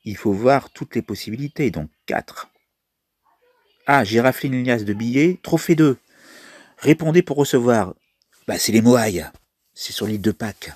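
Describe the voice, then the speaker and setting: A man's voice: medium pitch, expressive, unhurried, long pauses, darkish tone, no room sound. A man giving casual commentary on a mobile trivia game, thinking aloud as he plays. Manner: chatty, thinks aloud while playing. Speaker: mobile game video maker.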